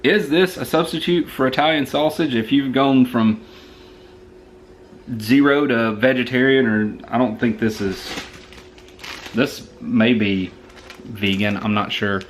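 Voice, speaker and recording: A man's voice: mid-range voice, fairly even intonation, unhurried, pauses often, a little hiss or hum. A man with a Southern US accent, chatting through a rambling, joking food review at home, talking into a camera mic.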